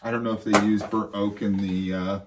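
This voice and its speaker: A man's voice: on the low side, little pitch movement, a little fast. A man co-hosting a casual whiskey review, cracking goofy jokes between tasting notes. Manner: joking, goofy asides. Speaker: co-host. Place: home man cave, indoors. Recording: a bit distant from the mic, faint background noise.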